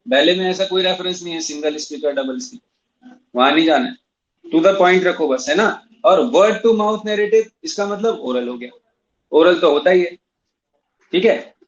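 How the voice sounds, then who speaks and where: A man with a high voice teaches an English literature class in a classroom that is also streamed online. He switches between Hindi and English, spells out terms letter by letter and repeats each point for his students. The recording sounds dull and lo-fi. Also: unhurried.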